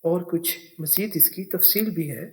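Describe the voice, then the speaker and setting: A man's voice: a little high, a little slow. A man teaching English spelling and pronunciation, spelling words out letter by letter. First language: Urdu.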